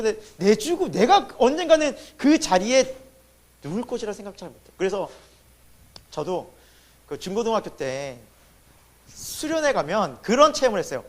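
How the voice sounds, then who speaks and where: A man preaching a sermon as pastor. He asks the congregation questions and answers them himself, and his voice swings between loud emphasis and sudden hushed drops. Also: high voice. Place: church sanctuary.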